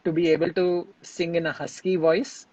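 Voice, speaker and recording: High-voiced man, reflective talk. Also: level tone, darkish tone, no room sound, lo-fi sound. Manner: reflective, halting with frequent restarts. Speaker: singer and composer, interview guest. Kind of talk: relaxed interview conversation.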